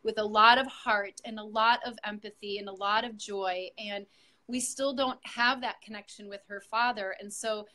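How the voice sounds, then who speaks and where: A middle-aged woman who teaches yoga tells her story to her coach in a heartfelt interview testimonial. Her mid-range voice holds a steady, sharp tone at a moderate pace, and she speaks earnestly and reflectively with many fillers and restarts.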